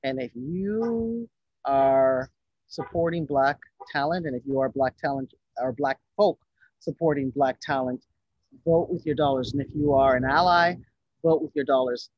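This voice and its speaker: A man's voice: mid-range voice, unhurried, dry recording. A man filmmaker talking emphatically over a video call, driving home a repeated point. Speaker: filmmaker guest. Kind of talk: casual conversation. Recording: muffled dry video call audio.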